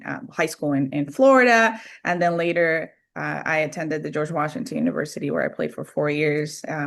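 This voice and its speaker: A woman's voice: low voice, vocal fry. A woman from Colombia speaking as a panel guest, earnest, with many fillers and restarts. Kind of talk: panel discussion.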